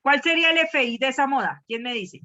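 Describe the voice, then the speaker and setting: A woman's voice: high-pitched, lively intonation, a little fast, pushed and bright. A woman teaching a math class, questioning her students and repeating key words. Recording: dull lo-fi class recording.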